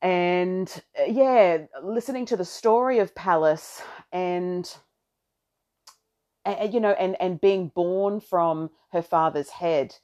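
A woman's voice: fairly low pitch, slow pace, darkish tone. A woman giving a casual, rambling, effusive spiritual monologue to her followers. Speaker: astrology podcaster and content creator. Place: bedroom, sitting on a bed.

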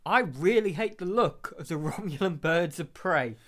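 A man's voice: fairly high pitch, animated, moderate pace, a bit bright. A man co-hosting a casual podcast, giving joking opinions. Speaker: podcast co-host. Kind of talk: casual chat.

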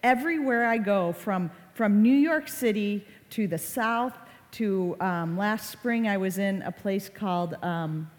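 A woman in her forties giving a live safety talk to parents and kids, conversational and lively, acting out family exchanges. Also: medium pitch, measured pace. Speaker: child safety presenter. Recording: long hall reverb.

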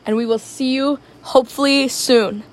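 A woman co-hosting a casual home podcast, talking in a relaxed, easygoing way. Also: high-pitched, normal speed. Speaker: podcast co-host. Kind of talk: casual chat. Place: home, indoors.

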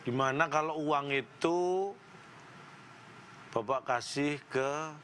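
Comic father-in-law, teasing and long-winded, a man doing it, fairly high voice, noisy room. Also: slow, fairly bright tone. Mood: playful. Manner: teasing, rambling, playful wordplay. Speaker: comic actor. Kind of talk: comedy sketch.

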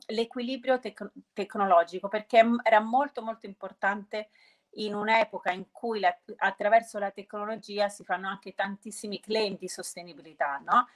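Woman mixing English terms into her speech. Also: medium pitch. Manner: hesitant, often restarting and rephrasing mid-sentence; mixes English business terms into Italian. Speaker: interview guest, sustainability entrepreneur. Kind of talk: conversational interview answers.

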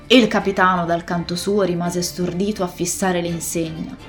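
A woman narrating a classic adventure novel as scripted narration, telling the story in a steady, expressive way. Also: fairly low pitch, moderate pace, faint music behind. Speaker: audiobook narrator.

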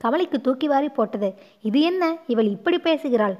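A woman narrating a novel aloud in measured, expressive storytelling. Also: sits high, highs cut off. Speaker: audiobook narrator. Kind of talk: scripted narration.

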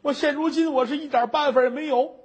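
A man voicing a poor middle-aged widow who sobs and pleads in drawn-out wails. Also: very high voice, fairly even intonation, voice pushed up. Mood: weary telling.

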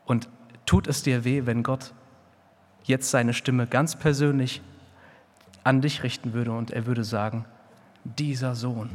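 A man preaching a sermon, emphatic, swinging between quiet, intimate lines and loud, dramatic ones as he acts out excuses. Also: mid-range voice. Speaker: pastor. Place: church hall. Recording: long reverb of a church hall.

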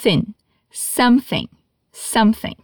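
A woman's voice: on the high side, sing-song, slow, no room sound, studio quality. Encouraging Brazilian woman teaching English. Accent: Brazilian Portuguese. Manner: encouraging, patient, playful. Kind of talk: lesson for learners.

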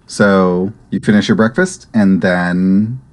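A man running a tabletop role-playing game as game master, narrating in a calm, matter-of-fact way. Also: low-pitched, takes it slowly.

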